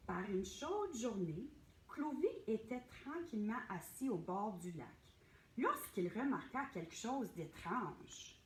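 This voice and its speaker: A woman's voice: on the high side, very animated, slow pace, a little hiss or hum. Woman reading storytime. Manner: warm encouraging, addressing children. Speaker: library storytime reader. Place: library room. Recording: echoey room, faint ambience.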